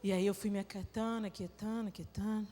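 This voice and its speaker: A woman's voice: medium pitch, fairly even intonation, quick pace, warm tone, slight background noise. A woman with a Brazilian accent giving an emotional live sermon in a church, telling a story that swells into tearful outbursts. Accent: Brazilian Portuguese. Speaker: preacher. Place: large church hall. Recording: live church recording with long reverb.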